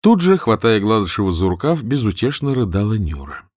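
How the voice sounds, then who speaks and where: A man narrating humorous prose as an audiobook reader, telling it with expressive irony. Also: fairly low pitch, fairly quick, no echo, clean studio sound. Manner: expressive, ironic storytelling.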